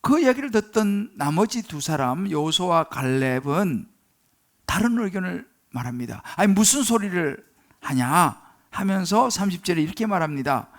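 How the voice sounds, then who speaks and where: A man's voice: high voice, very animated, normal speed. A male pastor preaching a sermon, retelling a Bible story with dramatized quotes and direct questions to the congregation. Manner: storytelling, acts out the biblical quotes with rising intensity.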